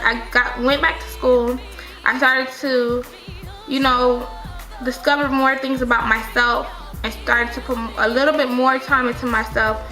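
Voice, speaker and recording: On a rough, roomy-sounding recording, a vlogger in her twenties speaks to camera in a slightly high, pushed and bright voice. Her casual opinion monologue wanders, full of self-corrections and the filler "like."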